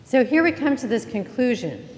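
Her voice is a little high, a little mellow, and sing-song at a moderate pace as this woman interim pastor chats and jokes, welcoming the congregation to her Easter sermon. Recorded in a reverberant church sanctuary, the audio has faint ambience and a little hiss or hum.

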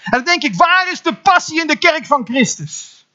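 A man with a Dutch accent preaching from a church pulpit, his high, bright voice swinging widely in pitch. He stumbles over repeated words and bursts into sudden exclamations. The recording sounds dull and lo-fi. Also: animated, moderate pace. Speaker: pastor. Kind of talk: sermon. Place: church hall.

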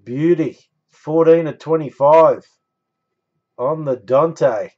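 In a small indoor room stacked with boxes, a man in his thirties hosts a live card break, calling out numbers and winners with catchphrases the way a bingo caller would. His voice is on the high side and slow, and the sound is lo-fi.

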